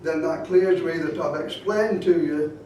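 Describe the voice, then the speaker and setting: A radio club presenter with a high-pitched, mellow male voice gives an unhurried, informal hands-on demonstration talk with safety warnings, explaining as he goes and repeating points insistently. The lo-fi recording, made with a distant microphone in a very echoey room, carries a little hiss or hum.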